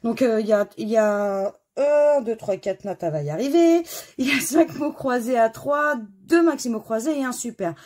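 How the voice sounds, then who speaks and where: A woman's voice: a little high, animated, normal speed, a little mellow. A middle-aged woman casually commenting as she scratches crossword lottery tickets at home, chatty and self-mocking, spelling out letters one by one. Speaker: scratch-card video host. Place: home corner under renovation.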